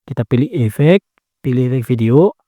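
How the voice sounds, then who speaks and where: With no echo in the audio, a mid-range male voice calmly leads a step-by-step screen tutorial on editing a phone video. He talks at a normal pace, correcting himself frequently and dropping plenty of "nah."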